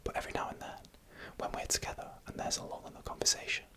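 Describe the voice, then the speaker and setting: A storyteller shares spooky stories in an unvoiced, breathy ASMR whisper, mouth close to the mic, letting each phrase unfold slowly and suspensefully.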